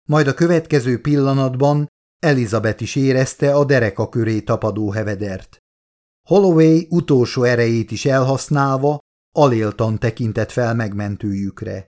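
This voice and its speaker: A man reading his own audiobook aloud as narrator, in an even, measured storytelling voice. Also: medium pitch. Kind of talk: scripted narration.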